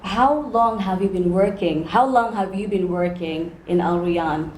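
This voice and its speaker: A woman's voice: lowish voice, a little mellow. Woman host in an echoey studio. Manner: measured, asks questions. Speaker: talk show host. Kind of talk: talk show interview. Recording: echoey studio with faint hum.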